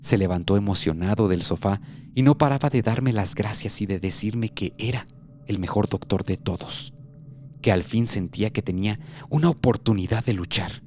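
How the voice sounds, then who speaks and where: A man narrating a scripted horror story as a doctor, in a slow, measured, hushed delivery. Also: lowish voice, slight background noise. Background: background music.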